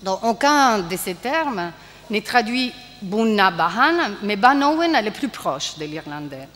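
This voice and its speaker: A woman giving a university lecture, speaking hesitantly and filling pauses with frequent hums. Her mid-pitched voice rings out with a long reverb from a lecture hall. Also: sing-song, a bit bright. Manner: hesitant, many fillers, reads out quotes.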